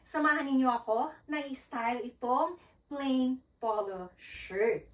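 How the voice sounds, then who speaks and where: Filipino woman, fashion vlogger, unhurried chatty delivery, slightly high voice, echoey room, distant mic. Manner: chatty, Taglish code-switching, animated. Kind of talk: casual vlog.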